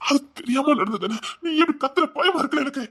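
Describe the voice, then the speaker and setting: A man's voice: extremely high pitch, expressive, fast talker, a bit bright. An actor playing a remorseful young husband with a Tirunelveli Tamil accent, who pleads with his wife and keeps repeating his apologies. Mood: pleading. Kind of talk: TV serial acting.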